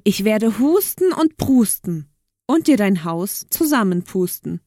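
A woman voicing a threatening big bad wolf in a storybook reading, loud and blustering. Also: mid-range voice, big pitch swings, unhurried, dry recording, studio quality.

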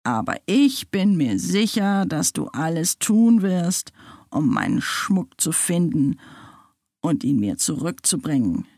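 Brief: a slow, half-whispered, menacing dead old woman, gravelly and low, put on by a woman reading a storybook. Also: sing-song, mellow, no echo, studio quality, full character voice.

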